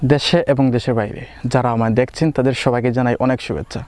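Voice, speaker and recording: A man's voice: medium pitch, fairly even intonation, quick pace, darkish tone. A young man from Bangladesh talking playfully to camera in a casual comic vlog. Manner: playful, mixes standard Bangla with Sylheti dialect. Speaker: vlogger.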